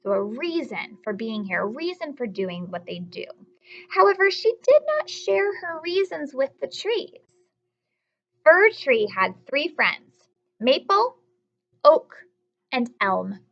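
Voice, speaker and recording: With a high and very expressive voice, a woman slowly reads aloud to young children, giving simple explanations and asking questions along the way. She stretches out key words as a storyteller would, and the recording is a little dull and lo-fi.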